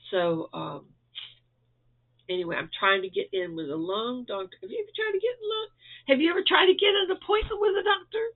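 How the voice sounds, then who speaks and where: A crochet vlogger from Florida, stuffed up and losing his voice, gives viewers a chatty, rambling update from indoors at home, chuckling often. His voice is very high and a little fast, and the audio sounds tinny, like a phone.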